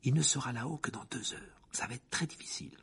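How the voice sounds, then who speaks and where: An anxious teenage girl speaks in a hushed voice, as a man voices her. The reading stays soft and low, the gravelly husk of the reader still plain. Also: fast talker, heavily acted.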